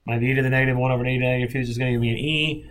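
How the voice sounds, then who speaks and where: A man's voice: mid-range voice, fairly even intonation, racing, fairly bright tone, a little hiss or hum. A male math instructor giving a classroom lecture, thinking aloud and often checking in with his students.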